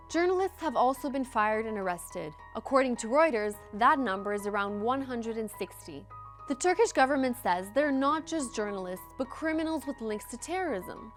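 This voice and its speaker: High-voiced woman narrating news over music. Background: background music.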